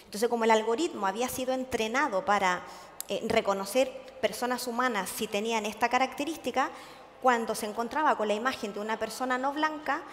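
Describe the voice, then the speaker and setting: A woman giving a conference talk to an audience, earnest and full of hesitations, often checking in with her listeners. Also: fairly high pitch. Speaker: conference speaker. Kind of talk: public lecture to an audience. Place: large conference hall. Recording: long hall reverb.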